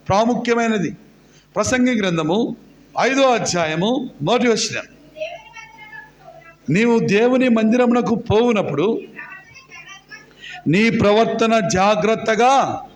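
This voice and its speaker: A man preaching a sermon, questioning the congregation and urging them to answer loudly. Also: very high voice. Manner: questions the congregation and urges loud replies. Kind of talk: call-and-response sermon. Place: church meeting hall. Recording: echoey hall.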